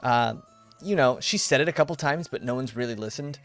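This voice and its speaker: A man narrating an improvised tabletop game as game master in a halting, casual storytelling way. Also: mid-range voice, fairly bright tone. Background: music.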